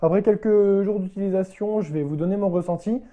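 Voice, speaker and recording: With phone-quality sound, a high-voiced motorbike vlogger gives an unscripted, casual product review. He speaks haltingly and hesitantly, repeatedly circling back to rephrase.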